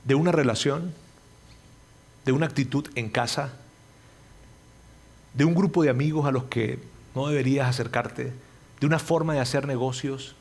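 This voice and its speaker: Earnest preacher, pleading sermon. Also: male voice, on the high side, creaky, slightly rough. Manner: earnest and pleading, repeats phrases; dramatic storytelling with sudden loud and quiet turns.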